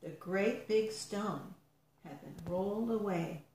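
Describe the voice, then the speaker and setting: A woman reading a storybook aloud to children, gentle and expressive, with soft drops in volume. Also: medium pitch, takes it slowly, echoey room, slight background noise, low-quality recording.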